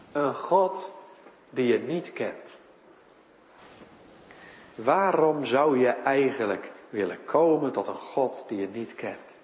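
Lively preaching man in an echoey church. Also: medium pitch. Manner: lively preaching, voice rising and dropping for emphasis. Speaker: pastor. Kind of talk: sermon.

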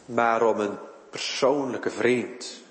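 A man's voice: mid-range voice, takes it slowly, roomy sound, long reverb tail. A man preaching a sermon in church, his voice rising and falling for emphasis. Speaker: pastor.

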